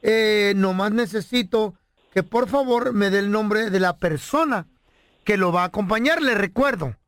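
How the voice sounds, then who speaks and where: This man hosts a radio prank show in a high, bright-edged voice with a dry, close sound. He moves from courteous sales talk to quick, slangy joking with his co-hosts. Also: no echo. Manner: polite salesman patter, then slangy joking. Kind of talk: radio prank call and studio banter.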